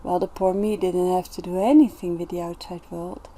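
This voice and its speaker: A woman vlogger talking in a casual, reflective monologue, gentle and earnest, with many pauses and restarts. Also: fairly low pitch, steady tone. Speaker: self-development vlogger.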